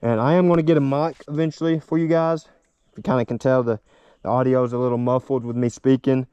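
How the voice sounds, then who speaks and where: Talking fast in a steady, medium-pitched voice with a dark, smooth tone, a man vlogs from a small dirt bike. The motovlogger is rambling, chatty, and upbeat, his helmet-muffled words picked up dry by an action camera on his chest.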